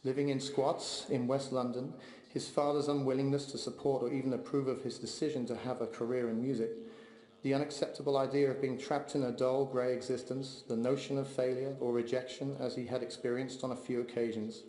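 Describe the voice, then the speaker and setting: A man delivering a heartfelt memorial eulogy for his father, speaking in a measured, steady way. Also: medium pitch. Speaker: eulogy speaker, son of the deceased. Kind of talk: memorial eulogy read aloud. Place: large memorial hall. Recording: echoey hall, long reverb.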